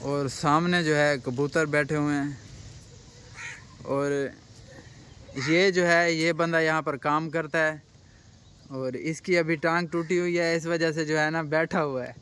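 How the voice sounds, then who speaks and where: A man's voice: a little high, steady tone, slow pace, pauses often, fairly bright tone, clear, resonant tone. A young man from Pakistan vlogging a casual walking tour of a cattle farm, guiding viewers and asking the workers questions. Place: outdoor rural cattle farm.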